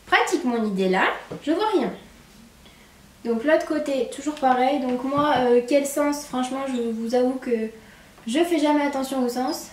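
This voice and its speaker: A young woman with a regional French accent and a slightly high voice talks viewers through a hair tutorial in a relaxed, chatty way. She sits some way back from the camera in an echoey room, with a faint hum of noise behind her. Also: moderate pace, distant mic. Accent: regional French accent with a marked "hein". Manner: chatty, relaxed, lots of "hop" and "voilà" while working. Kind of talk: casual how-to demonstration. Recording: echoey room, speaker away from the mic, faint background noise.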